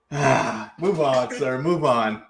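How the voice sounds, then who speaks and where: A man's voice: medium pitch, vocal fry, fairly bright tone. A man co-hosting a sports podcast, pushing back on his partner with dry, teasing sarcasm. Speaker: podcast co-host. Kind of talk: casual sports debate chat.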